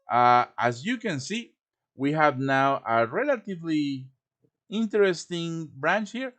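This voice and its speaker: A chatty man with a slightly high, somewhat bright voice hosts a casual live tutorial on game quest design. He streams it over online voice chat and keeps checking in with his listeners as he teaches.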